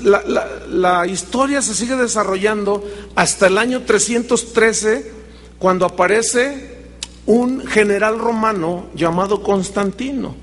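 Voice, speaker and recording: A man's voice: sits high, fairly bright tone, big-room sound. A male pastor preaching a sermon with dramatic storytelling, addressing his congregation. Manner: dramatic storytelling, acting out quoted voices.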